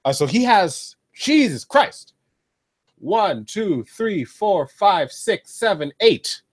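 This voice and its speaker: Lively joking man, casual chat. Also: sits high, slow pace, no room sound, clean studio sound. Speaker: podcast co-host.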